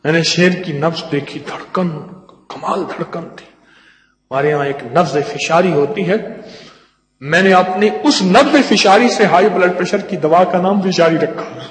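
An older man with a high-pitched voice tells stories as an herbal doctor. He speaks in an animated, folksy way, full of asides. His voice rings through a large echoey hall with a long reverb tail. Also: slight background noise. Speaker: herbal doctor giving a talk. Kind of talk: storytelling lecture.

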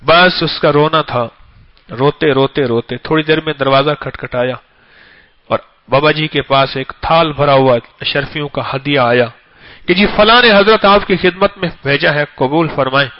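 A man with a slightly high voice preaches an emotional sermon built on storytelling, repeating phrases for emphasis. He moves between loud and hushed delivery, and the recording sounds dull and lo-fi.

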